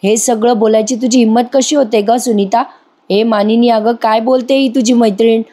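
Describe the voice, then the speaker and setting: An angry middle-aged father-in-law, indignant and demanding, read by a woman narrator. The voice is mellow and a little raised. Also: fairly high pitch, steady tone, moderate pace, lightly acted. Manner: indignant, shouting at a guest.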